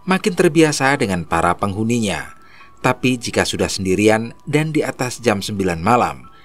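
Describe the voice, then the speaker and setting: A man narrating a horror story in a steady storytelling manner. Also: fairly low pitch.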